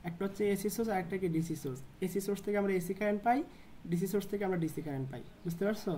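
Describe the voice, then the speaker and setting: A woman teaches a circuit lesson at a rapid clip. Her voice is dark and mellow. She asks a question and then answers it herself in a dropped voice, with a faint hum of room noise behind her. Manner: constantly quizzes and answers herself in a lower voice. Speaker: tutor. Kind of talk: whiteboard lesson.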